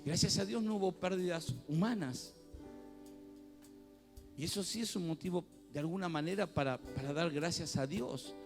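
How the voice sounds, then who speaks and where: A man's voice: high-pitched, normal speed, vocal fry, music in the background. A man with a Rioplatense accent preaching a sermon as pastor in a church, talking conversationally and building to fervent swells. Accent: Rioplatense Spanish.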